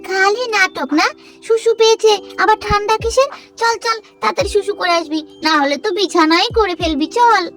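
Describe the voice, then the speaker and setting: A woman's voice: extremely high pitch, a little fast, fairly bright tone, soft background music. Woman doing bossy older sister doll Minki. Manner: scolding, bossy. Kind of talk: doll play voice acting.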